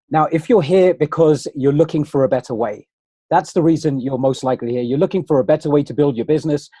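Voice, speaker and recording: A man hosts an online webinar, keeping it casual and conversational as he talks straight to his viewers. His voice is mellow and a little husky, with a pitch a touch above the usual for a man. It comes through a computer microphone on a video call. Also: no room sound. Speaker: webinar host.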